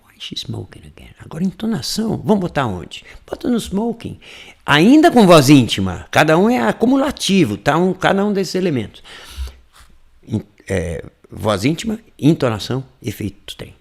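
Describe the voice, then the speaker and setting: A man's voice: fairly high pitch, very animated, normal speed, vocal fry. A Brazilian man teaching English in a live online class, explaining in Portuguese and whispering sample phrases.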